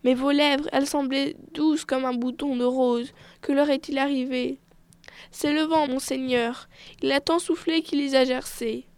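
A woman voicing a scheming, ugly young serving girl who flatters her mistress sweetly. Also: high-pitched, a little slow, dry recording. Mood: fawning. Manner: fawning, flattering.

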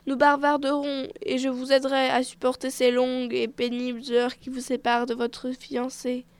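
A sly young servant girl in a storybook fairy tale, all sugary flattery over a scheming heart, as a woman narrator puts her on. Her voice sits high and comes across dry and close. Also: normal speed, smooth, no echo. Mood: fawning. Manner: fawning, flattering.

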